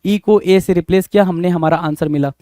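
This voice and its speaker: A man with a high, smooth, clear voice leads an exam spelling lesson. He spells each word out letter by letter and keeps asking his students what the answer is. The sound is close and dry. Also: fairly quick, warm tone, no echo. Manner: spells words letter by letter, repeats questions to students. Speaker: teacher.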